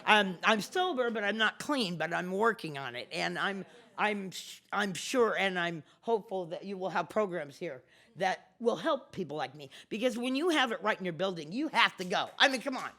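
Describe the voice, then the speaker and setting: A woman's voice: medium pitch, expressive, moderate pace, fairly bright tone. A woman in her sixties, a tenant giving an emotional, passionate speech at a housing opening, laughing through her tears. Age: 60s.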